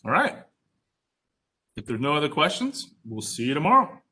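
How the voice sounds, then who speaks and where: Bright-voiced male instructor teaching casually. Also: fairly high pitch, wildly swooping pitch, moderate pace, breathy edge. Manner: informal, conversational explaining. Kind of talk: casual online class teaching.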